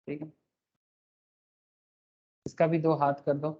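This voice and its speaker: A male teacher runs an online tax class, calling his students "sir," mixing in English terms, and joking in a self-mocking way about his own drawings. His voice is on the high side and darkish, level and slow, over dull audio.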